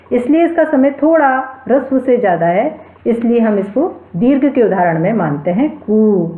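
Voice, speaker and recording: Slow, deliberate woman lecturing in an echoey room. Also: a little high. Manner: spells out sounds and sutras, repeats key terms. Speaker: Sanskrit lecturer. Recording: echoey room over a tinny phone-like line.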